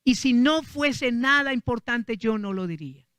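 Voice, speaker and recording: Una reina joven y temerosa que ruega con emoción, en una voz aguda y brillante, como la interpreta un predicador. El sonido es seco y cercano. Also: male voice, very high-pitched, expressive, measured pace, fairly bright tone, clean tone, no echo, studio quality, voice pushed up, heavily acted. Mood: pleading. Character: frightened young queen, pleading.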